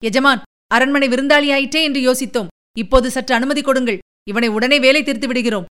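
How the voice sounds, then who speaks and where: Woman reading a nervous guard guy begging his boss, rushed, clear voice a touch high. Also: a bit bright. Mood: pleading. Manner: hurried, pleading. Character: nervous male palace guard, servile.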